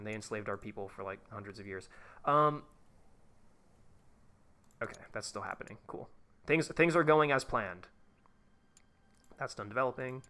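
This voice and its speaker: While playing a tycoon game on a live stream, a man chats casually with his viewers, talking to chat as he plays in a rambling, profane way. His voice is mid-range, bright, and forceful.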